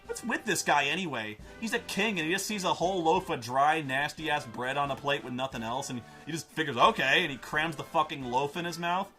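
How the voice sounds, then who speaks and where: A man's voice: fairly high pitch, fairly quick, few pauses, sharp tone, soft background music. A man narrating a comedic game retrospective in a sarcastic, profane, incredulous rant. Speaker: game reviewer.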